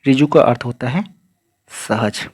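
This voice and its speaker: A male teacher giving an exam-prep grammar lesson, asking questions and answering them himself, with a steady refrain of "okay, friends". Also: mid-range voice, measured pace, breathy edge, no echo. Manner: repeats "ठीक है दोस्तों" and asks then answers his own questions.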